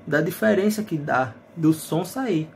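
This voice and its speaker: Portuguese teacher man, slightly high voice. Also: lively intonation, measured pace, creaky, darkish tone, slight background noise. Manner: explanatory, checks in with tag questions. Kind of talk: phonetics lesson.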